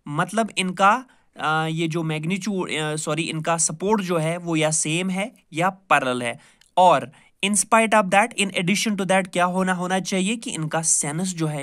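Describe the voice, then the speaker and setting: A man's voice: fairly high pitch, a little slow, a bit bright. A male math teacher giving a recorded lecture, repeating each point patiently, asking himself questions and answering them, with English math terms mixed in.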